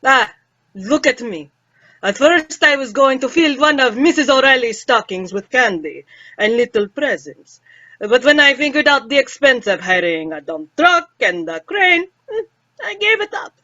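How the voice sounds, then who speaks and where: A woman's voice: sits high, very animated, normal speed, sharp tone, no echo, heavily acted. A woman playing a jocular, teasing old male professor in an old-time radio comedy, on a muffled recording. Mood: wry.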